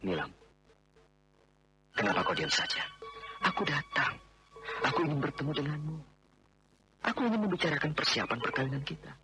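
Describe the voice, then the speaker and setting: A man's voice: a little high, wildly swooping pitch, normal speed, pauses often, over music. An actor playing a domineering man who insists on marrying a woman he wronged, in a 1980s radio drama. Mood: insistent. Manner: insistent, overbearing, then remorseful.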